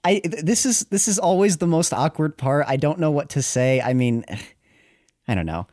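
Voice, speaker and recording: A man's voice: a little high, expressive, normal speed, darkish tone, no room sound, clean studio sound. A man co-hosting a comedy podcast, easygoing and self-mocking, laughing often as he talks. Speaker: podcast co-host. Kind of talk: casual comedy chat.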